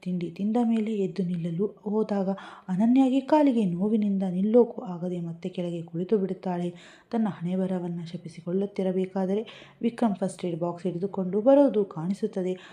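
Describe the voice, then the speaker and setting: A woman narrating a love story in scripted, even, descriptive storytelling. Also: medium pitch, normal speed.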